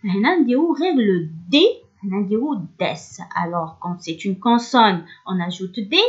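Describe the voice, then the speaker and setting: A woman teacher, working through a workbook lesson and slowly stressing the words she explains. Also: mid-range voice, animated, darkish tone, lo-fi sound. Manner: switches between French and Arabic, stresses words slowly.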